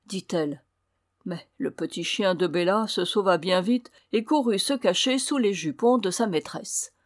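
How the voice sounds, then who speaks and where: A woman narrating a fairy tale aloud in a measured storytelling manner. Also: on the low side, darkish tone, no echo, clean studio sound.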